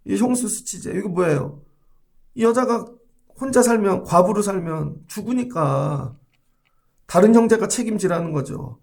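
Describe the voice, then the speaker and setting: A man preaching a dawn sermon as a pastor, with a fairly high voice and a gravelly edge. He talks to the congregation conversationally and keeps asking them questions. He acts out short everyday dialogues to make his points. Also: normal speed, a little mellow.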